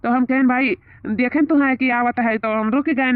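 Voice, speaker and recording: A woman's voice: high-pitched, steady tone, normal speed, no echo, natural voice. A woman playing a smug flirtatious village man. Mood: flirting. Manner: wheedling, boastful. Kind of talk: comedy sketch acting. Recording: tinny phone-like sound.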